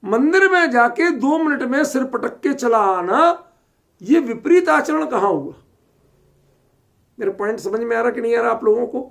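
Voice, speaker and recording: A man's voice: very high-pitched, expressive, normal speed, creaky, fairly bright tone. A man teaching a scripture lesson, often asking his listeners whether they follow the point. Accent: Delhi Hindi. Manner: questioning, keeps checking understanding.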